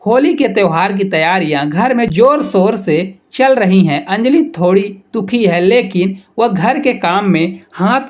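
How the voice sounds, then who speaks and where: A man narrating a scripted love story at a steady, even reading pace. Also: high voice, a little slow, few pauses.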